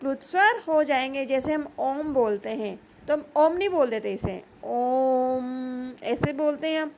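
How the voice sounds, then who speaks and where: A woman's voice: high voice, animated, normal speed, a little mellow, slight background noise. A woman teaching a grammar lesson, patiently repeating key terms and asking questions that she then answers herself.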